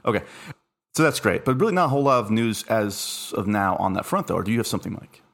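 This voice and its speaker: Joking low-voiced man hosting a podcast. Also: sing-song, fast, gravelly, fairly bright tone. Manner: joking, self-deprecating. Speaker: podcast host. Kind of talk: casual podcast chat.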